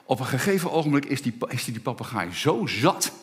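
A Dutch man preaching a sermon, telling a funny story with animated delivery. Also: mid-range voice, quick pace. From Netherlands. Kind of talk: sermon with a told joke. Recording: long reverb in a church hall.

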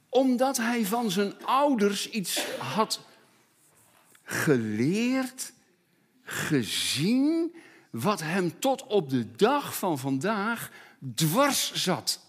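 A man's voice: sits high, big pitch swings, extremely slow, pauses often, husky. A middle-aged man preaching a sermon in a dramatic, emphatic way, acting out the people he talks about. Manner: dramatic, emphatic, acts out voices. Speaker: pastor.

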